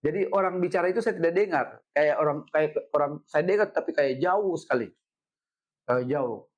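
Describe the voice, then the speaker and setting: Animated middle-aged man. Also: on the high side, normal speed. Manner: animated, repeats phrases, ends with "Pak". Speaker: head of city education office, guest. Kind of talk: casual storytelling in an interview.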